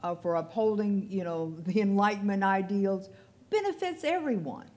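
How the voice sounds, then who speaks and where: Woman, older, panel speaker, conversational, thinks aloud, mid pitch. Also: animated, moderate pace, a little mellow. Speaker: librarian and archivist on a panel. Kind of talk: panel discussion. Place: event hall with audience.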